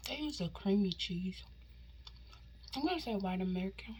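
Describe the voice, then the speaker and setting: A woman hosting a casual mukbang, chatting informally and slangily to viewers as she eats, often slipping into soft, hushed asides. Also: medium pitch, lively intonation, moderate pace, slightly rough. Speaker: mukbang host eating on camera. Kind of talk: casual mukbang chat to viewers while eating.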